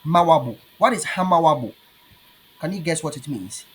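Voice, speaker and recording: A man with a Ghanaian accent teaching his language in an online lesson, patiently repeating words slowly. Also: on the high side, animated, a bit bright, breathy edge.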